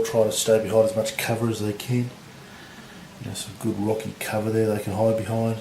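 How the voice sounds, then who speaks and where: A man with a husky voice from recent illness, giving relaxed, rambling commentary on a tabletop battle. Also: fairly low pitch. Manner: relaxed, rambling, lots of fillers. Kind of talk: casual game commentary. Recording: echoey room with faint noise.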